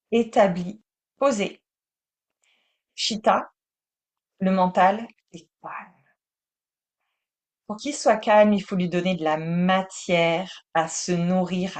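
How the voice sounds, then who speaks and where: French woman, meditation teacher, unhurried pace, calm and soothing. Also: mid-range voice. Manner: slow, calm, soothing delivery.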